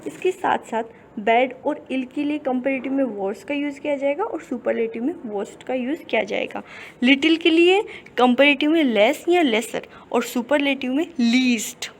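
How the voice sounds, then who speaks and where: A woman teaching English grammar in Hindi, explaining step by step and slowing down to spell out English words and definitions. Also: sits high, slight background noise. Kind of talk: Hindi-medium grammar lesson.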